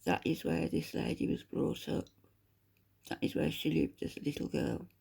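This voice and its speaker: A woman's voice: deep voice, lively intonation, normal speed, vocal fry, warm tone, breathy edge. A woman interviewer talking in a casual, conversational way, explaining and prompting.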